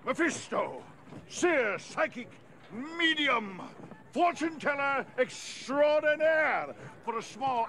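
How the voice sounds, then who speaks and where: A pompous older fortune teller proclaims his powers in a very high voice for a man. His patter is grandiose and theatrical, like a travelling showman in a period film, with a busy outdoor crowd behind him. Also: exaggerated voice. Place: outdoor riverboat landing.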